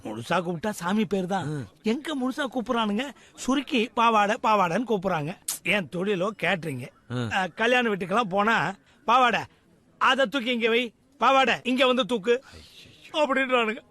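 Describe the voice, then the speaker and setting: A man's voice: sits high, moderate pace, bright, forceful tone. A man playing a shy bashful catering worker. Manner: sheepish, embarrassed monologue.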